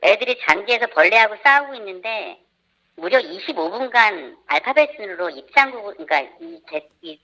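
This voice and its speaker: A woman's voice: animated, moderate pace, pushed and bright, rough recording. A woman speaking through a voice disguiser as an anonymous parent in a live radio interview, indignantly listing complaints point by point. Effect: voice disguised by a pitch changer. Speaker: parent of a camp participant.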